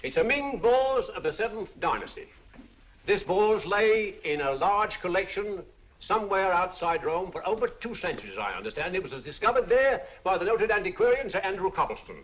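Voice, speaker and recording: A showy auctioneer on an old film soundtrack. His pitch sits a touch high and swings around in a lively way as he coaxes the room. The sound is dull. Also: normal speed. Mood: coaxing. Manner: showy sales patter, coaxing. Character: patter-spinning male auctioneer.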